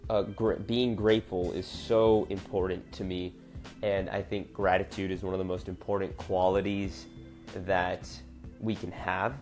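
A young man with a low-pitched voice that sounds stuffed up and nasal, as if his nose is blocked. He hosts a podcast alone in an informal, earnest, chatty way. Music plays along with his voice. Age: young adult. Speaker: podcast host. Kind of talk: casual solo podcast chat.

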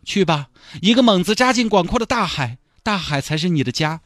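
A man with a Sichuanese accent voicing an excitable, soft-hearted man who gushes and wheedles for a dolphin's life. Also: a little fast, no echo, studio quality. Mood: tender. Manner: shrill, gushing, wheedling.

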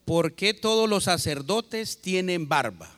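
A man's voice: high voice, lively intonation, slow, fairly bright tone. A man in the congregation asking the pastor questions, curious.

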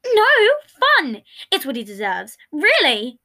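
A woman's voice: high voice, huge pitch swings, slow, sharp tone, heavily acted. A woman voicing a manic, morbid young man who blurts out gory jokes while reading fan fiction aloud.

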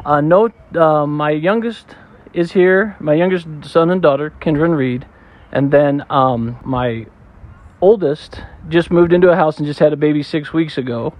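Chatty joking guy with a slightly high voice, casual campground interview. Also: normal speed, a little mellow. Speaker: interview guest. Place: campground outdoors.

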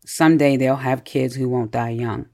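Chatty animated storyteller recapping a book. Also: medium pitch, normal speed, vocal fry. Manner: animated storytelling with many "like" and "you know" fillers; laughs often while retelling. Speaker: podcast co-host. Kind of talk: casual book discussion recap.

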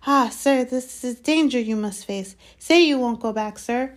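Woman doing a squeaky pleading house-elf. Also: unhurried, lightly acted. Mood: urgent. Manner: high, pleading, speaks of himself by name.

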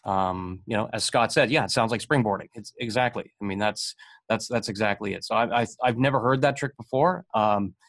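A man's voice: lowish voice, a little fast, fairly bright tone. A man hosting an interview podcast, encouraging his guest, with stammering restarts. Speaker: podcast host. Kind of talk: casual interview chat.

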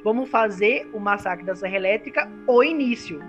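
A woman hosting a casual movie review podcast, leading the talk in a quick, enthusiastic way. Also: medium pitch, lively intonation, highs cut off, faint music behind. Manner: quick, enthusiastic, leads the segments. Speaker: podcast host.

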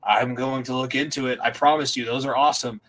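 A man's voice: mid-range voice, steady tone, a little fast, a bit bright, poor audio. A young adult man hosting a casual podcast, talking earnestly and reflectively about teaching, with rambling restarts.

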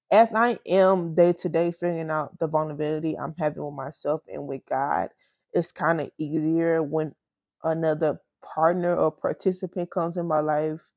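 Gravelly low-voiced young woman, emotional. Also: a little mellow, no room sound. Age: 20s. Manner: candid, emotional, slangy, halting. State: close to tears. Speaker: podcast host. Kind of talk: personal casual chat.

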